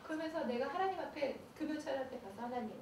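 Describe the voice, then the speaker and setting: A middle-aged pastor's wife giving a playful, confiding church camp lecture on dating in a large hall. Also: female voice, high voice, lively intonation, brisk. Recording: echoey hall, far mic, noisy.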